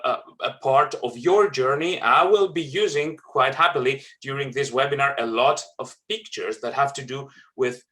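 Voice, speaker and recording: Man, bright clear voice, webinar trainer, earnest, lots of fillers. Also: medium pitch. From Greece. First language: Greek. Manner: earnest, halting with many fillers and restarts. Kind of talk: presenting a webinar.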